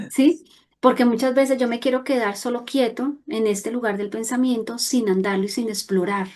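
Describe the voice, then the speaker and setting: A woman's voice: on the high side, fairly even intonation, normal speed, a little mellow. A woman speaking earnestly in a reflective talk about personal growth, stressing points with rising emphasis. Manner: earnest, emphatic, at times raising her voice for stress.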